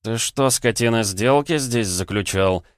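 A man's voice: on the low side, measured pace, clean tone, no room sound, studio quality, voice pushed up, natural voice. A man voicing a hot-tempered young male cadet who snaps and hisses his words. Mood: angry. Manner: snapping, hissing.

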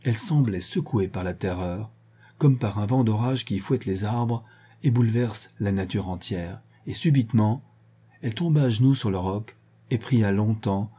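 Male audiobook narrator, low-pitched, very dark and husky, measured literary reading. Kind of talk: scripted narration.

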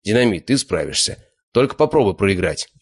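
A man voicing a hot-headed, panicky young brother who shouts and curses in an audiobook. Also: fairly low pitch, big pitch swings, brisk, slightly rough. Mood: urgent. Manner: shouting, frantic, cursing. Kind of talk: audiobook character voice.

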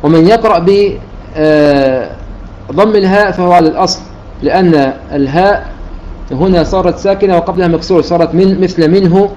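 A man's voice: sits high, fairly quick, darkish tone. A man teaching a religious lesson, going methodically through each reading and repeating key points. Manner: methodical, repeats points, restarts words while counting. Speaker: Quran recitation teacher. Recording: dull lo-fi recording with faint hiss.

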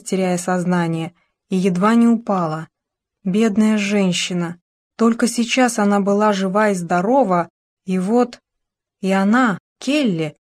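A woman narrating an audiobook in a measured, even storytelling manner. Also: medium pitch.

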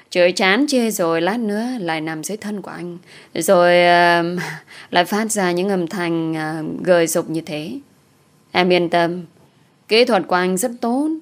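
A woman's voice: fairly low pitch, close to an everyday voice. A woman voicing a crude, taunting male ex-lover in an audio story, in a mocking, lewd manner.

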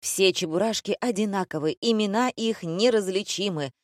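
A woman voicing a loud, rude, bossy male theatre director who shouts mocking, theatrical insults in an audiobook. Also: medium pitch, normal speed, no echo, clean studio sound, pitched above the performer's own voice, lightly acted. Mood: barking, mocking. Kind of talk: audiobook character voice.

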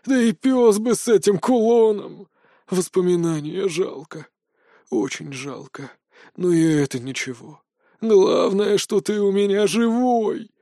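A tiny, very old army veteran talks in a rambling, emotional way, gruff one moment and tearful the next, with a man acting him out. His voice is set somewhat higher than the narrator's. The audiobook recording is close and dry. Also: expressive, unhurried, mellow, no room sound. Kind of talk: audiobook character voice.

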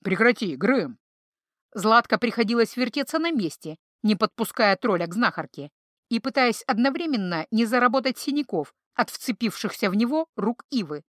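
Lady reading a fantasy audiobook, even and clear, dry close sound. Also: fairly high pitch, brisk, no echo. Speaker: audiobook reader. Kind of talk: scripted narration.

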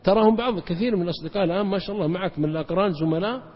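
Rapid high-voiced preacher in an echoing hall. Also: male voice, breathy edge. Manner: emphatic, rapid, jumps in pitch for emphasis. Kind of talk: religious lecture storytelling. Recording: dull lo-fi recording with long hall reverb.

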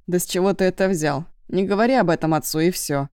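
A woman voicing a cocky young man, blunt and defensive, in her own low voice. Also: fast, darkish tone, clean tone, dry recording, clean studio sound, natural voice.

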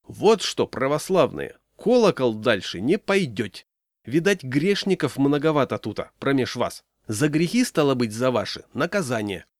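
A man voicing a burly bearded village man, shouting commands in folksy rustic speech. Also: medium pitch, big pitch swings, moderate pace, no room sound, studio quality, lightly acted. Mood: commanding.

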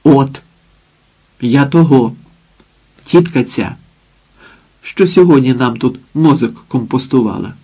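A man's voice: medium pitch, takes it slowly, pauses often, warm tone, breathy edge. A man doing a coarse, nagging drunken mother. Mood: scolding, coarse. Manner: crude, nagging, threatening. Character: coarse drunken village mother, bossy and scolding.

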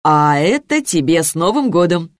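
A woman's voice: on the low side, very animated, moderate pace, no room sound, clean studio sound. A woman voicing a cheerful young man, an expectant father, speaking eagerly and drawing out his words. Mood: beaming.

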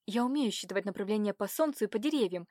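Woman as naive young noblewoman, eager and bright, middle pitch, dry close sound. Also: animated, quick pace, dry recording, natural voice. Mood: pleading, indignant. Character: naive cheerful eighteen-year-old noblewoman.

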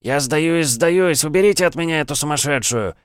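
A man's voice: fairly low pitch, fairly even intonation, fairly quick, fairly bright tone, smooth, no room sound, clean studio sound, lightly acted. Man doing a spiteful noble mage. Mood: panicked. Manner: sneering, spitting curses. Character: arrogant male noble mage, spiteful then panicking. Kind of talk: audiobook reading.

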